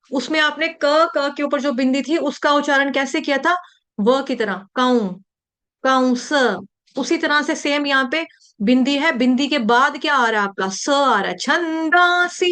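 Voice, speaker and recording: High-voiced Indian woman teaching recitation. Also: fairly bright tone. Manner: drills words slowly, then explains briskly. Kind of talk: slow syllable-by-syllable recitation lesson.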